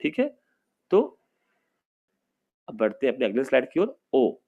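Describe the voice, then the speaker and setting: A man's voice: medium pitch, big pitch swings, normal speed, gravelly, phone-quality sound. A male teacher giving an online class for young children, speaking patiently, often calling out to the kids and drawing out vowel sounds.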